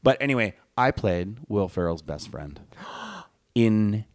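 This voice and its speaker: A man's voice: on the low side, slow, dry recording, studio quality. A man guesting on a podcast, telling a story in casual chat and acting out the voices of the people in it. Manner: animated storyteller, acts out quoted voices loudly.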